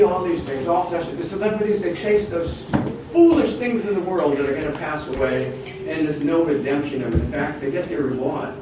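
An older man in his sixties talks through a Bible study in a loose, rambling way, often restarting his sentences. His voice sits a little high. He is picked up from a distance in a very echoey room, with dull sound and steady background noise. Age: 60s. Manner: rambling, with frequent restarts and asides. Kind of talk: informal Bible study talk.

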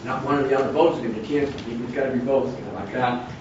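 A man's voice: medium pitch, fast, very echoey. A man in his sixties leading an informal Bible study, rambling with many restarts and asides. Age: 60s. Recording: distant, dull, noisy room recording.

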